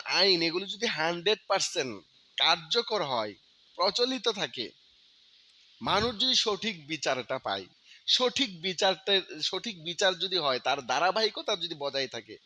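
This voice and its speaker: A man speaks earnestly about a video clip in a rising, emphatic preaching tone. His voice is strikingly bright and edgy and sits a little high. A faint background noise stays under him. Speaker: religious commentator. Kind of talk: commentary on a video.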